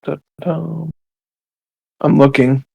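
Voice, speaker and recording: A man at an online book club, softly mumbling to himself while searching his pages. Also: a little high, level tone, drawn-out words, creaky, slightly rough. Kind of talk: casual book club chat.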